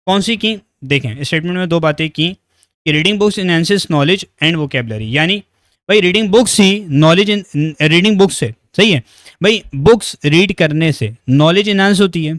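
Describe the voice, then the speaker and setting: Coaxing teacher. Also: male voice, sits high, fairly bright tone, no echo, studio quality. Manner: coaxing, repeats checks like "right?" to students; reads English sentences slowly and deliberately. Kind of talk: exam-prep lecture.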